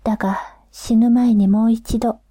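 A woman voicing a gentle, grateful old grandfather near death, in a soft whisper with old-fashioned country speech. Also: on the high side, steady tone, moderate pace, no room sound, studio quality, lightly acted. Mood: tender. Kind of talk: whispered storybook reading.

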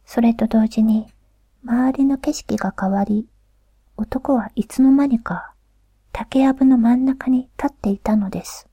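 A woman narrating a folk tale in a soft, unhurried whisper, close to the mic. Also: on the high side, breathy edge, no echo. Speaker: storyteller.

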